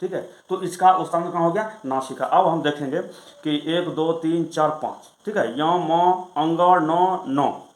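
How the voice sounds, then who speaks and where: A male Sanskrit grammar teacher explaining rules in a lesson, reciting them slowly and then asking and answering his own questions. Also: on the high side, reverberant, low-quality recording. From Bihar, India.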